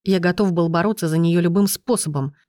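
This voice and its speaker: A woman voicing a defiant young man, hoarse and breathing hard. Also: lowish voice, a little fast, mellow, no room sound, clean studio sound, natural voice.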